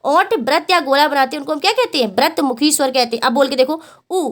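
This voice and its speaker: A woman teaching a Hindi exam-prep lesson. She asks the class a question, answers it herself, and repeats each point, often calling the students "beta". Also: sits high. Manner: drawn-out vowel demonstrations.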